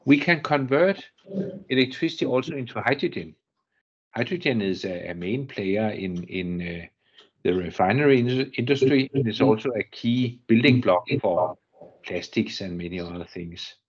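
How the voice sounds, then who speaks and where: An older Danish-accented man delivers a technical lecture, his voice low and somewhat husky. He speaks in a measured, halting way, often repeating words as he searches for them. The recording sounds muffled and lo-fi. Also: lively intonation. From Denmark. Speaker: guest lecturer. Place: university lecture room.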